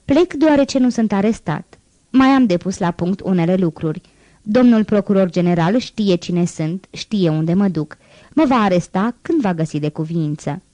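A woman reading the part of a solemn, quiet male ex-convict mayor in an audiobook. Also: medium pitch, animated, no room sound, close to an everyday voice. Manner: grave, quiet and restrained.

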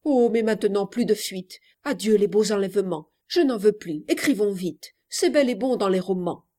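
A woman's voice: medium pitch, moderate pace, dark tone, natural voice. A woman voicing an impulsive seventeen-year-old girl who longs to elope, declaiming a theatrical verse monologue. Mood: anxious.

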